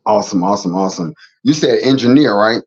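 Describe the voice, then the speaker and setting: A man's voice: fairly low pitch, animated, quick pace, breathy edge. A middle-aged man hosting a casual faith talk show, rambling and repeating words as he goes. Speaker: host. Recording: slightly dull, lo-fi sound.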